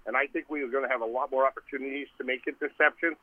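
Caller on a clipped phone line. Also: male voice, mid-range voice, fairly even intonation, very fast, no echo. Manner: rambling, thinking aloud mid-sentence. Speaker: caller to a sports radio show. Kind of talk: casual call-in chat.

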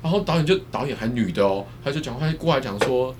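A fast-talking man with a Taiwanese Mandarin accent chats casually as a podcast guest. He tells stories with lively, swooping pitch and bursts into loud re-enactments. The chat has a faint hum of ambience behind it. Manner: animated storyteller, swings into loud re-enactments.

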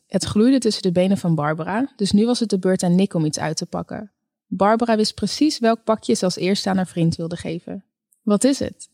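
Female audiobook narrator, calm and measured, mid-pitched, dry close recording. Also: dry recording. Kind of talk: scripted narration.

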